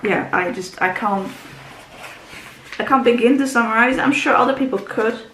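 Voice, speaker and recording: This woman's voice sits on the high side with a fairly bright tone, moving at a normal speed as she rambles through casual book talk to camera, often saying um and restarting. She's a book vlogger and a native Dutch speaker. The recording has a roomy echo, faint ambience and slight background noise.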